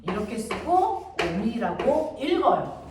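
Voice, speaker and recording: A fairly high-voiced woman teaching a middle school science lesson. She talks briskly and keeps firing quick check-in questions at the class. She is captured from across a very echoey classroom with clear background noise. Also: very animated, far from the mic. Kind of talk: classroom lecture. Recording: echoey classroom from afar, noisy.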